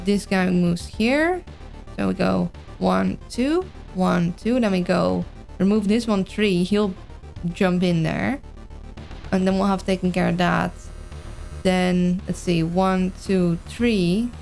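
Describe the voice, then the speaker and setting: A woman from the Netherlands with a mild, mixed Dutch accent and a gravelly, medium-pitched voice streams a game. She chats casually and thinks aloud hesitantly while working through a puzzle game.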